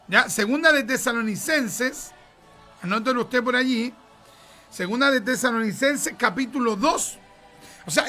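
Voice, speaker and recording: A middle-aged man with a Chilean Spanish accent preaches a sermon emphatically, repeating words for stress and acting out conversations. His voice is very high-pitched, bright and forceful.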